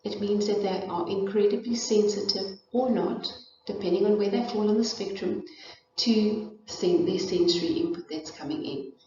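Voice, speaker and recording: A woman's voice: medium pitch, normal speed, dark tone, slight background noise. A middle-aged woman with a South African accent gives an informal educational talk, speaking thoughtfully with frequent fillers and restarts. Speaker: presenter of a parenting and child development talk. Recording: echoey, distant, dull room recording.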